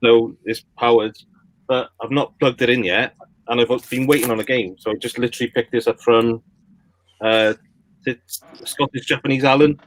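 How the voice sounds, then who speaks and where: A man's voice: mid-range voice, steady tone, moderate pace, low-quality recording. A man chatting casually as a livestream guest, explaining things in a meandering way. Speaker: livestream guest, retro game collector. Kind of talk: casual chat.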